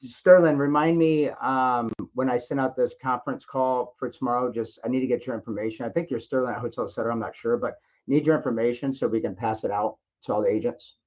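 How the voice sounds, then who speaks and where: Talking fast with hardly any pauses, this man has a steady, mid-range, slightly mellow voice. He's the host of a distributor sales conference call, fielding questions in an encouraging way and repeating his phrases a lot. The sound is dull, lo-fi conference line audio.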